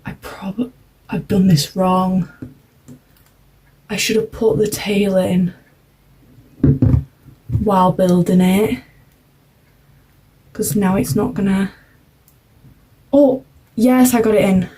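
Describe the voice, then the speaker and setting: A woman's voice: mid-range voice, fairly even intonation, slow, pauses often, dark tone, breathy edge, poor audio. A young woman chatting casually while crafting for a vlog, rambling with lots of fillers. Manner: rambling, self-interrupting, uses "like" and "um" a lot. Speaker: craft vlogger.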